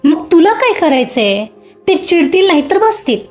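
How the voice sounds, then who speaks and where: Lady voicing a jealous curt young assistant guy, a bit lower, dull audio with faint music. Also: very animated, normal speed. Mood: sulky. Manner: curt, sulky, defensive.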